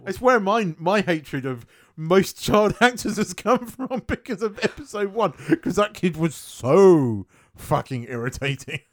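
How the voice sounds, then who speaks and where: A man co-hosting a casual film chat, animated and swearing freely, laughing often. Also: high voice, unhurried, few pauses. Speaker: podcast co-host.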